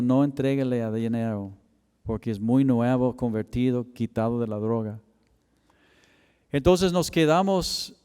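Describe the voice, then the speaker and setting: A man preaches in a chapel, sharing a personal testimony in a slow, deliberate way. His voice is mellow and smooth. The sound carries a long hall reverb. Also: medium pitch. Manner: storytelling, emotional, slow and deliberate. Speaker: pastor. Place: church chapel.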